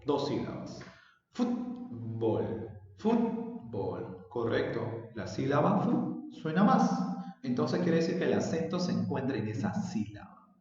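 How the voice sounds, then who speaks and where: Male teacher, lively pitch, patient explainer, echoey distant dull recording. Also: soft background music. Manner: patient, explanatory, drawn-out example words. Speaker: secondary school language teacher. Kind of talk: recorded remote lesson. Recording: dull, roomy, distant with long reverb.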